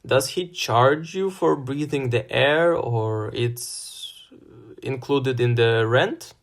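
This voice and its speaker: A man's voice: medium pitch, takes it slowly. A man voicing a sarcastic teenage boy who turns panicky.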